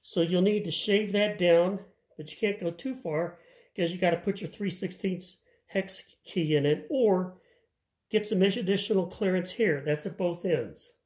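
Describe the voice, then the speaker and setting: An older man with a high, slightly mellow voice talks through an engine rebuild at a measured pace in his home garage. He keeps it plain and practical, repeating words as he works, in a hands-on how-to style. The garage gives the recording an echo.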